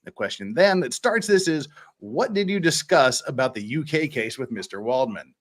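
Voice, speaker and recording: A man hosts a livestream, bantering jokily and reading court transcripts aloud in an animated way. His voice is medium in pitch and he speaks at a moderate pace.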